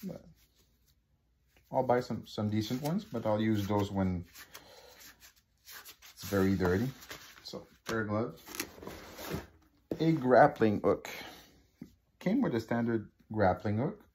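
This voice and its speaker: Slight background noise accompanies a man from Quebec whose low, darkish voice is animated yet slow, with frequent pauses. A native French speaker with a Québécois accent, he casually talks through a hobby unboxing shot on his phone above a living-room table, using many fillers and restarting often.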